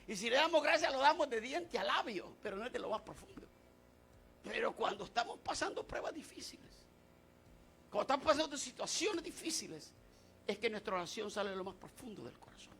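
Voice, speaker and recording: Male pastor, sermon, shouting then hushed, bright tense voice. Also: animated, a little fast, creaky. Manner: swings from shouted preaching to low confiding talk.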